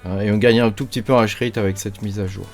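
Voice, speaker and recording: A man's voice: fairly low pitch, fairly even intonation, quick pace, soft background music. A man giving a casual screen-share tutorial on crypto mining, chatty and informal, sprinkling his talk with fillers and addressing the viewer directly.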